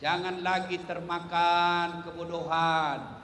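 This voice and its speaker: A male preacher, giving a lively sermon that teases the crowd and asks them questions. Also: a little high, slow pace, a little hiss or hum. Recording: echoey hall.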